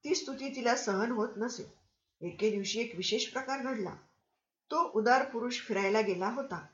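A woman reading a story aloud as an audiobook narrator, in an expressive and measured way. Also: a little high. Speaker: audiobook reader. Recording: roomy, slightly dull recording.

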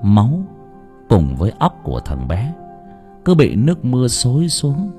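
A man's voice: mid-range voice, wildly swooping pitch, unhurried, warm tone, soft background music. A man narrating a dramatic story as an audiobook reader, with emotive delivery.

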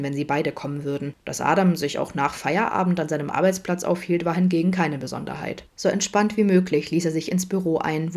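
Female podfic reader, deep for a woman, steady narration. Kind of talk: audiobook narration of a fan story.

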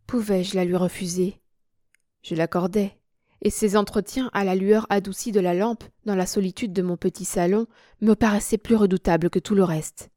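A woman narrating a literary story as an audiobook, in a measured, expressive reading. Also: medium pitch, no echo, studio quality. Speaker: audiobook reader.

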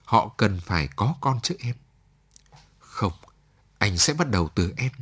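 A man's voice: lowish voice, very animated, measured pace, a bit bright, husky, heavily acted. A man reading a story aloud, voicing an anxious, guilt-ridden married man who speaks hurriedly and apologetically.

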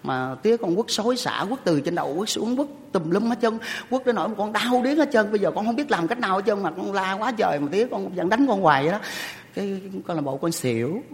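A man's voice: high-pitched, lively intonation, fast, big-room sound. A middle-aged man with a Southern Vietnamese accent, politely and animatedly telling stories about his childhood. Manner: polite, answers with "dạ". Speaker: guest telling life stories. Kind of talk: casual spoken storytelling.

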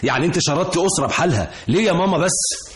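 A man's voice: a little high, lively intonation, rapid-fire, natural voice. An actor with an Egyptian accent playing a young man defying his mother in a radio drama, speaking in an earnest, reproachful way.

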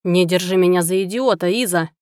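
A woman's voice: mid-range voice, animated, brisk, dry recording, studio quality, close to an everyday voice. A woman voicing a stern, domineering male prosecutor who growls his lines. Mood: menacing. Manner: growling and menacing.

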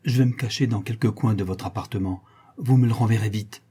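A flustered young marquise in an audiobook, hurrying to hide, voiced in the reader's own low register by a man. The voice is dark and husky. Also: fairly quick. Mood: hurried.

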